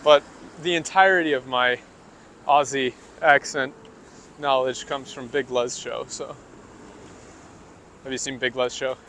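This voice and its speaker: A man's voice: mid-range voice, steady tone, sharp tone. A man hosting a livestream, chatting casually and joking with internet slang as he walks outdoors. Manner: jokey, quick, internet slang. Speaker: livestream host. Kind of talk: casual chat while walking. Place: outdoors on city streets. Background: faint street noise.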